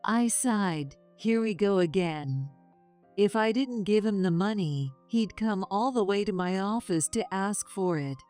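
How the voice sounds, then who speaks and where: A middle-aged woman calmly narrating a first-person story in a measured, confessional way. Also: medium pitch. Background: faint music.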